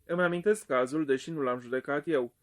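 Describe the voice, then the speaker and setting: A man voicing an old male judge in an audiobook who speaks slowly and stresses every word. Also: a little high, close to an everyday voice. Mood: measured.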